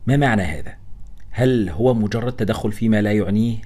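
A man narrating a novel in the first person for an audiobook, wry and expressive. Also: lowish voice, brisk.

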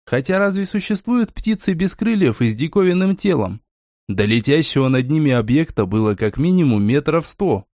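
A man reading an audiobook in steady storytelling narration. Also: a little high, normal speed, no echo, studio quality. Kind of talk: scripted narration.

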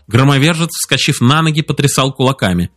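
A man narrating a story aloud in an expressive audiobook style. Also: medium pitch, brisk, soft background music. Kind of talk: audiobook reading.

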